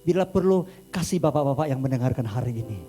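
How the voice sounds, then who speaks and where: A male pastor from Indonesia telling a story in a sermon, dramatic and animated, with mouth sound effects. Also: mid-range voice, quick pace, soft background music.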